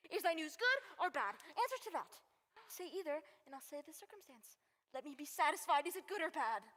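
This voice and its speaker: A woman's voice: sing-song, fairly quick, fairly bright tone, in a large hall. A woman playing an eager, impatient young girl in love in a stage play, pleading urgently. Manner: pleading, urgent, high-strung.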